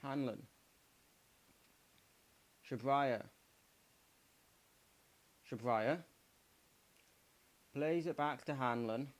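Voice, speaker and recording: Fan streamer, mid-pitched, slightly croaky, calls play and rallies his team. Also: drawn-out words, pauses often. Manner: partisan, addresses chat as "mate" and "pal", urges his team on. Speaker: fan streamer doing a live watchalong. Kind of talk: casual live match commentary.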